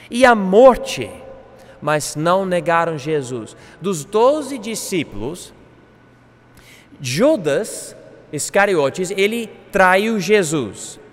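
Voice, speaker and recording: High-voiced man lecturing in a reverberant hall. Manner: animated, acts out quoted speech. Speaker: Bible institute teacher. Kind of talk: classroom lecture.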